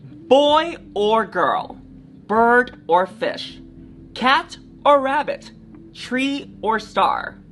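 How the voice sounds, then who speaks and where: A drag artist reads a children's picture book aloud at storytime, theatrical and encouraging, often speaking directly to young listeners. The woman's voice is slightly high, sing-song, and fairly bright, with drawn-out words. Soft music plays underneath.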